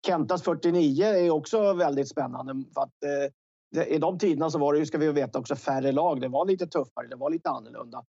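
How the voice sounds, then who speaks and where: A man with a fairly high, gravelly voice talks through his opinions in an unscripted sports discussion. He is discursive and drops in tag questions. The sound is dry and slightly dull. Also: warm tone, no echo. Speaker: studio commentator.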